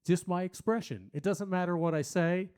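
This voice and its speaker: A man doing a stand-up comedy set on a small stage, crude and rambling, talking to the crowd and putting on loud silly voices for quotes. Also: high-pitched, moderate pace, clear, resonant tone.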